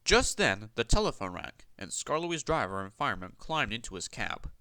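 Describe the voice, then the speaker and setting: A man narrating a children's railway storybook in a lively, expressive way. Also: mid-range voice, moderate pace, clear, resonant tone, no echo.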